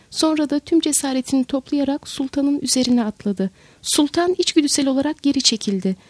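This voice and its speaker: A woman with a high voice reads a story aloud in a steady, even narration. The recording is dry and close, with no room sound. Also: dry recording. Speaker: audiobook narrator. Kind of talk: scripted narration.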